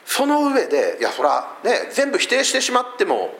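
A man's voice: high-pitched, wildly swooping pitch, moderate pace, fairly bright tone. A man from Fukuoka with a Hakata accent, preaching a sermon in a conversational way, with many rhetorical questions. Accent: Hakata dialect. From Fukuoka, Japan. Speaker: pastor.

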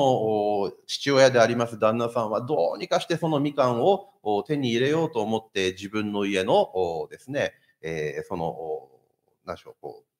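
A man preaching a sermon as pastor, asking the congregation rhetorical questions. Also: medium pitch. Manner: lively, asks the listeners rhetorical questions.

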